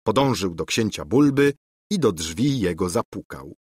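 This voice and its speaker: A man with a husky, theatrical voice narrating a fairy-tale audiobook. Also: on the low side, animated, normal speed, darkish tone, no room sound, clean studio sound.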